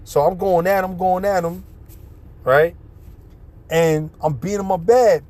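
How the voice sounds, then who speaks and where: A man with a New York City accent telling a personal story in a casual, animated way, full of street slang and swearing. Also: high voice, a little slow.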